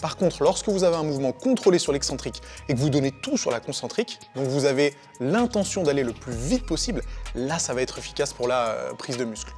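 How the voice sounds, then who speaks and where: A man who coaches fitness, talking fast and confidently as he gives quick, blunt opinions in a relaxed way. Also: medium pitch, faint music behind. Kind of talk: quick-fire opinion answers.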